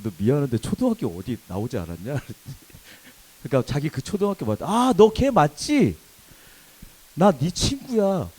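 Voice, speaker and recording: A young adult man preaching to a youth service, telling a funny personal story with lively acted quotes and laughter. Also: medium pitch, slightly rough, low-quality recording. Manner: animated storytelling, laughing at himself, acting out quoted shouts. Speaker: youth pastor. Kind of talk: sermon with personal anecdote. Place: church worship hall.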